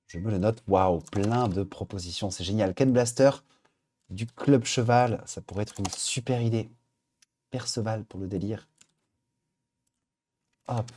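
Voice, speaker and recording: A man's voice: on the low side, measured pace, pauses often, warm tone, slight background noise. A man hosting a live stream, chatting casually as he reads out viewer suggestions. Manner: upbeat, chatty, thinking aloud. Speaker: livestream host.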